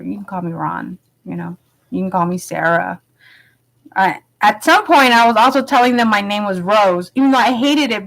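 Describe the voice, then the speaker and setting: A young woman telling a personal story in a soft, hesitant way, with many pauses and fillers. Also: mid-range voice, creaky. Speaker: vlogger. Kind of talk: personal testimony.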